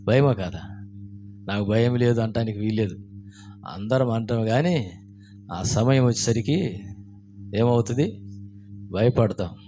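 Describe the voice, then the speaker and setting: Pastor preaching with questions. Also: male voice, fairly low pitch, dark tone, a little hiss or hum. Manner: asks the congregation questions, acts out scared voices in stories. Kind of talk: sermon with storytelling.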